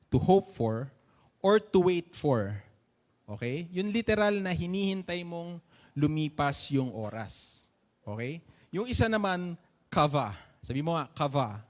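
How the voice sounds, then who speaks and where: Joking Filipino preacher with a higher voice. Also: male voice. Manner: conversational, often asking "okay?" and "di ba?"; playful with jokes and laughter. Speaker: pastor. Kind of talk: sermon.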